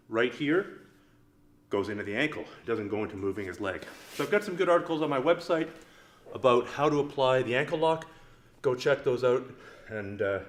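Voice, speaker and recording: The recording from the training mat room is echoey with a slight hiss or hum. A medium-pitched grappling instructor gives an instructional demonstration on a partner, explaining each step in a casual, joking way.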